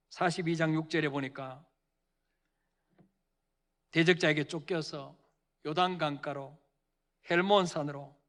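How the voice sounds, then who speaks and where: Male pastor, sermon delivery, high and animated, call-and-response. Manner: preaching with call-and-response, dramatic quoted voices. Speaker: senior pastor. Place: church sanctuary.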